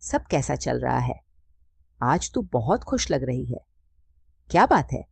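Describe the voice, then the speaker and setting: A woman's voice: extremely low pitch, very animated, slow pace, creaky, breathy edge, no room sound, voice pushed down, exaggerated voice. A woman voicing a chatty, curious female friend of the mother in a storybook reading.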